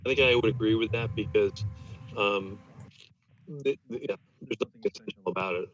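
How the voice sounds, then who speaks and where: A man's voice: on the low side, moderate pace. A man on the planning board, talking with hesitant restarts while his voice breaks up on a video call. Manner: hesitant, brief agreement with restarts. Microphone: laptop or phone on a video call. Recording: dull lo-fi call audio from off-mic.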